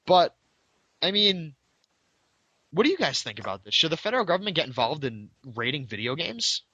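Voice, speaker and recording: A man's voice: fairly high pitch, very animated, normal speed, pushed and bright, slightly rough, lo-fi sound. A man hosting a casual gaming podcast, chatting loosely with upbeat restarts. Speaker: podcast host. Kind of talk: casual chat.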